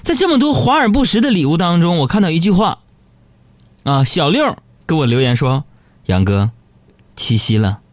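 A man's voice: high-pitched, big pitch swings, brisk, no echo. A man hosting a live comedic radio show, chatting and teasing his listeners.

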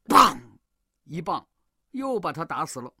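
A woman storyteller narrating a children's story in a slow, drawn-out, animated way. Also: low voice, breathy edge, dry recording, clean studio sound.

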